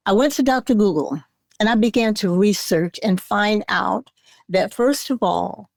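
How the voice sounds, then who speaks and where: A woman in her eighties, a guest in an interview, speaking earnestly and deliberately, sometimes restarting her words. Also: mid-range voice, darkish tone, no echo, studio quality. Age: 80s. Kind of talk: casual interview talk.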